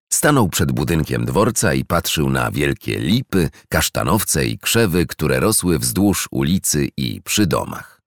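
A man narrating a children's storybook in an expressive, gentle storytelling manner. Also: a bass voice, vocal fry, no echo, clean studio sound.

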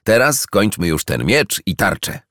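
A man voicing an eager young member of a knights' club in a storybook, proud and welcoming, pitched well above his own voice. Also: sing-song, unhurried, a bit bright, dry recording, studio quality. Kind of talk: storybook character voice.

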